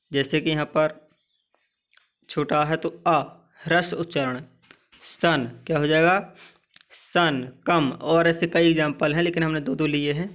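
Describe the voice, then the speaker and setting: A man with a slightly high voice teaches English vowel sounds in Hindi. He says example words slowly, one by one, and keeps asking the listener what they are. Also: fairly bright tone.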